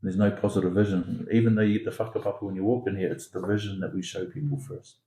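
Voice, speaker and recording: Podcast guest, male, from Singapore: warm low voice, insistent repetitive delivery, roomy sound. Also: steady tone, quick pace. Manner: emphatic, repetitive, builds points through extended metaphor. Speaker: founder of an education academy, podcast guest. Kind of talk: conversational podcast interview.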